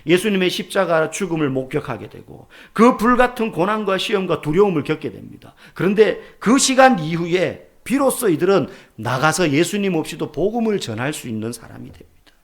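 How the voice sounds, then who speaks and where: A man preaching a sermon as pastor, asking rhetorical questions and sometimes dropping to a soft near-whisper. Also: fairly high pitch, very animated, a little fast.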